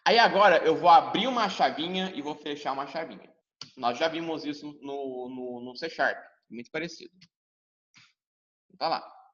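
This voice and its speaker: A man's voice: fairly high pitch, moderate pace, fairly bright tone. A Brazilian man teaching a class, talking directly to his students and acting out their questions. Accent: Brazilian Portuguese. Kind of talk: lively classroom lesson. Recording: dull sound with long reverb.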